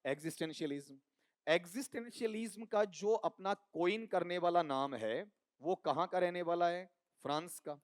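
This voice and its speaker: A man's voice: high voice, normal speed, no echo, clean studio sound. A man teaching an exam coaching class, quizzing students with call-and-response questions. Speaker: English teacher.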